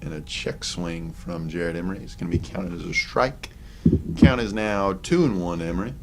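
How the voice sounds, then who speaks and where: A young man calling a college baseball game play by play, relaxed and chatty, with offhand asides between pitches. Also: moderate pace, heavy background noise. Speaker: play-by-play announcer. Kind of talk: sports commentary.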